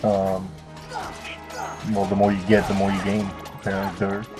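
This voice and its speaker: Video game music plays as a young man speaks low, monotone, at normal speed. His let's play commentary is casual and off the cuff, hesitant and rambling in an offhand way.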